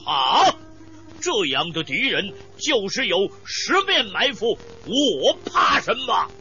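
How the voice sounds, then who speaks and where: A woman's voice: medium pitch, big pitch swings, slow, pushed and bright, muffled recording, faint music behind, exaggerated voice. A woman storyteller voicing a boastful, reckless male general who scoffs at danger, in a historical tale. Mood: scornful boastful.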